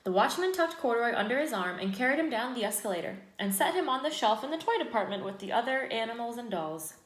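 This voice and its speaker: A woman reading a picture book aloud to young children as an expressive storyteller, in an echoey room. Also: a little high, quick pace, a little hiss or hum.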